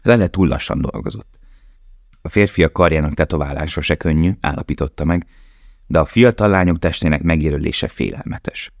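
A man reading a novel aloud in a calm, measured way. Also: extremely low pitch, vocal fry, dry recording, studio quality. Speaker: audiobook narrator. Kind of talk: scripted narration.

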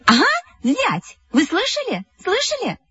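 A shrill, skinny dog owner, put on by a woman reading aloud, shrieking in a piercing, sky-high voice that leaps about wildly. She rattles off her complaints fast. The audio is dull, with faint music underneath. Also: huge pitch swings, bright, forceful tone, no echo, far from the mic, heavily acted. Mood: indignant. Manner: screeching, fast, wailing.

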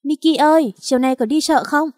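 A woman's voice: high voice, brisk, a little mellow, dry recording, clean studio sound, pitched above the performer's own voice, close to an everyday voice. A woman voicing a friendly young woman neighbor who calls out cheerfully.

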